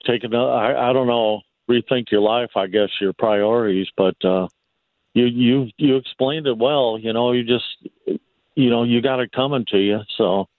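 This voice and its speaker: A man's voice: medium pitch, no echo. Hesitant male caller over the phone. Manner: halting, many fillers and restarts. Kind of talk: casual call-in chat. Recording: tinny phone line.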